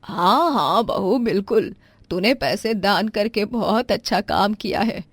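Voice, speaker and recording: A woman voicing a stern, suspicious middle-aged mother-in-law who questions and scolds slowly. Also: mid-range voice, expressive, dry recording.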